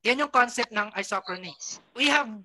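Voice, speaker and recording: A woman's voice: a little high, moderate pace, sharp tone, no echo. A woman with a Filipino accent teaching an online exam review, explaining loosely with many fillers and often checking whether the class follows. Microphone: close mic, online class.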